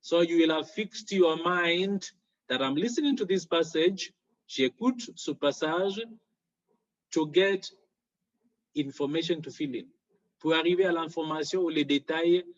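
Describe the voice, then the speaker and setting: A man's voice: on the high side, dull audio. A man teaching a French exam lesson, explaining each step with worked examples.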